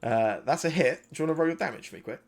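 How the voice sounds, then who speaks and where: A man's voice: fairly high pitch, expressive, rapid-fire, vocal fry. A man narrating as game master of a tabletop game, in a rambling, self-correcting way, speaking into a desk microphone at home.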